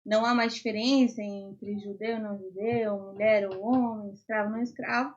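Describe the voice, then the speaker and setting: A woman's voice: medium pitch, fairly even intonation, normal speed. A young Brazilian woman, a podcast guest, earnestly explaining her faith views in casual talk, with many fillers. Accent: Brazilian Portuguese. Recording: dull lo-fi audio.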